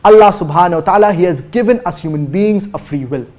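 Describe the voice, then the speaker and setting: Measured preacher with a higher voice. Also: male voice, lively intonation, a little mellow. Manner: recites Arabic verses fast, then translates slowly with emphasis; formal, measured, cites chapter and verse numbers. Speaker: Islamic preacher answering viewer questions. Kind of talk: religious lecture.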